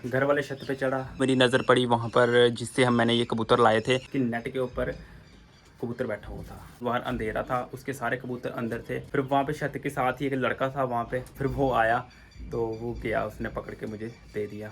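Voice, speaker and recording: A man's voice: medium pitch, flat delivery, normal speed, vocal fry, a little hiss or hum. Young man chatting casually to viewers. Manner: chatty, addresses viewers as friends. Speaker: vlogger keeping birds and rabbits. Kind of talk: casual vlog narration. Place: outdoor rooftop bird enclosure.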